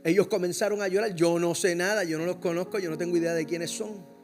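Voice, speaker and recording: A man's voice: high-pitched, fairly quick, faint music behind. A man, a pastor with a Puerto Rican accent, telling a story in a sermon and acting out the dialogue with humor. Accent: Puerto Rican Spanish. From Puerto Rico. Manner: animated, acts out dialogue, laughs at himself.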